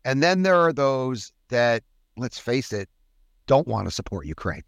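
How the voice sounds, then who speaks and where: A man's voice: medium pitch, big pitch swings, measured pace, vocal fry, no room sound. A man hosting a policy discussion, talking conversationally with wry asides.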